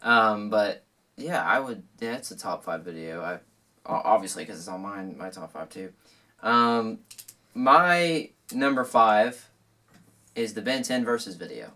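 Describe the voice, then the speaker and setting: A man's voice: on the low side, lively intonation, a little slow, sharp tone, far from the mic. A young man co-hosting a casual chat, laughing often and full of fillers and restarts. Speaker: co-host.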